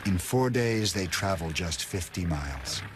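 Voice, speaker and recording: A man's voice: deep voice, animated, unhurried, noisy background. A man reading scripted narration for a nature documentary.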